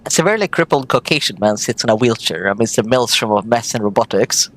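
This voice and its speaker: A man's voice: mid-range voice, expressive, fast. A man streaming a game, chatting casually and reading its narration aloud with jokes.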